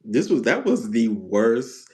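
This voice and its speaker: A man in his thirties telling stories in a relaxed, casual chat, laughing easily. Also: medium pitch, slow pace. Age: 30s.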